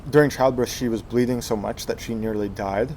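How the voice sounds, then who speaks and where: In a casual interview, a twenty-something guest born in Texas shares his life story, restarting often and using many fillers. He talks fairly quickly in a mid-range, slightly mellow voice, and there's a little hiss or hum.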